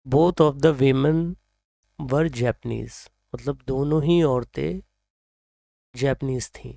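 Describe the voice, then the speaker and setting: A man with an Indian accent teaching English pronunciation, reading example sentences slowly and then explaining them. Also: medium pitch, gravelly, dark tone, no echo, clean studio sound. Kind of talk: slow explanatory lesson, mixing Hindi and English.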